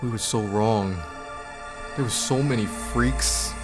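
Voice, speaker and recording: A man's voice: lowish voice, slow, over music. A man telling a spooky story in a casual, rambling, jokey way in a community TV studio, filling his talk with "like". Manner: rambling, lots of "like", animated and jokey.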